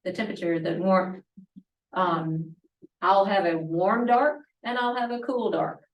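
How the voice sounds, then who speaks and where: A woman's voice: lowish voice, unhurried. A woman with a Mississippi Southern accent giving a chatty, informal demonstration talk as a teacher. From Mississippi, United States. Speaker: painting teacher, guest presenter. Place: meeting room with audience. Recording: echoey room, distant mic.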